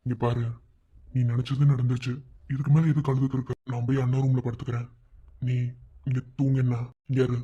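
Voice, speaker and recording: A man's voice: medium pitch, level tone, brisk, long pauses, mellow, slightly rough, close to an everyday voice. A man voicing a young village husband in a cartoon, firm and pleading, with a Madurai Tamil accent. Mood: earnest. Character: young village husband, gruff but caring. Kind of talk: cartoon voice acting. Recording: dull lo-fi sound.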